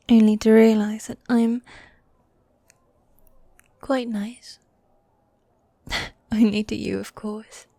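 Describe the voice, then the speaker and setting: A woman plays a gothic demon girlfriend in a medieval fantasy ASMR roleplay, teasing and tender, dominant yet needy. She speaks in soft, breathy whispers with formal, old-fashioned phrasing, in a slightly high voice with no room sound and a tender, musing mood.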